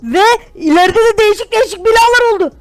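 Villager woman, very high-pitched, panicky, tearful, hurried, faint music behind. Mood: panicked. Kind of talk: Minecraft role-play video.

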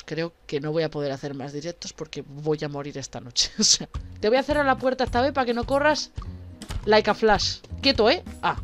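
Woman streamer, swearing and joking. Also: fairly high pitch. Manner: swearing, jokey, exclaims loudly in fright. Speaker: gaming streamer. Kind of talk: casual horror game commentary.

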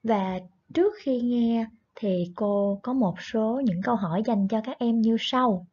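A woman's voice: on the high side, measured pace. A woman teaching a primary English class online, patiently explaining words and repeating each one twice. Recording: dull lo-fi recording.

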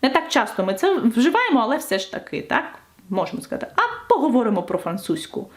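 A woman's voice: fairly high pitch, very animated, quick pace. A woman teacher explaining French grammar in a video lesson, stressing each example.

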